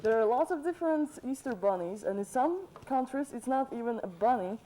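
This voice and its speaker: A woman playing a cheerful, cheeky Easter Bunny in a student TV sketch interview, relaxed and plain-spoken with hesitant fillers. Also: a little high, brisk, close to an everyday voice, rough recording. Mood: casual. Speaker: interview guest.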